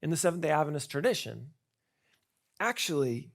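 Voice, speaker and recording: Gravelly man giving a talk. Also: fairly high pitch, big pitch swings, a little fast. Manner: conversational, asks rhetorical questions; frequent fillers and restarts. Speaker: conference speaker. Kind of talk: conference talk.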